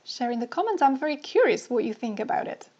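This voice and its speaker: A woman's voice: high voice, sing-song, fast, darkish tone, dull audio. A woman dating coach leading a live online session, asking the audience many questions and repeating her phrases for emphasis.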